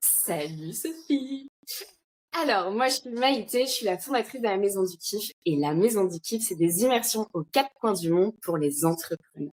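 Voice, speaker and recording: A woman in a casual podcast conversation, talking about her work in a lively, chatty way with frequent fillers and laughs. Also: medium pitch, moderate pace. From France. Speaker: founder of an entrepreneur retreat, podcast guest.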